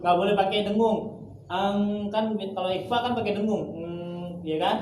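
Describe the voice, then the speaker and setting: A man teaching Quran recitation in an informal class, patiently repeating rules and slowly chanting drawn-out example words. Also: high-pitched, fairly even intonation, a little mellow. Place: gathering room with students. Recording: echoey room, far from mic, noisy.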